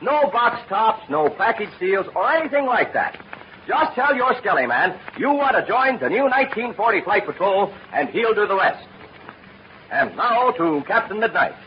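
A male announcer narrates in emphatic 1940s radio style. His voice sits fairly high and moves in lively swings. The recording is muffled and old. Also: normal speed, slight background noise.

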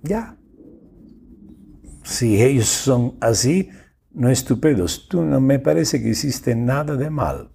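A man giving advice in a slow, unhurried way, and his pitch swings widely up and down. His voice is warm, dark and a little husky. He is blunt and informal, uses slang and swearing, and comments on a listener's message. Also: expressive. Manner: reads out the listener's words and then comments. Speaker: advice show host. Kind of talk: casual advice talk answering a listener's message.

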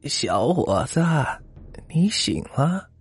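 Man doing a menacing old granny, gravelly and slow, with faint music behind. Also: very animated, dry recording, full character voice. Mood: creepy. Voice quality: low, creaky, drawn-out cackling voice. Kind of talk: storytelling character voice.

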